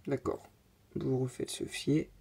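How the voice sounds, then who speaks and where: A man's voice: medium pitch, flat delivery, measured pace, gravelly, darkish tone, husky. A man narrating a casual tech tutorial, talking hesitantly with many filler sounds and chatty asides.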